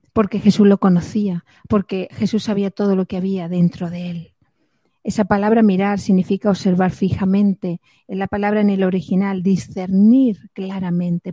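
A woman preaching a sermon, dramatic, often dropping to hushed tones for emphasis. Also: medium pitch, no echo.

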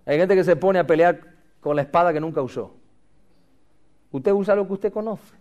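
A male pastor preaches with a high voice and lots of drama, calling the congregation to repeat his lines. He breaks up the message with humorous asides. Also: normal speed, a little mellow, muffled recording. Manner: dramatic, calls for congregation responses. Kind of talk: sermon.

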